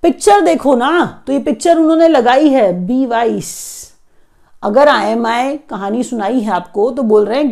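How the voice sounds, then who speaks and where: A woman's voice: a little high, darkish tone. A woman teaching an exam-prep current affairs lesson, explaining and repeating key facts so students memorize them.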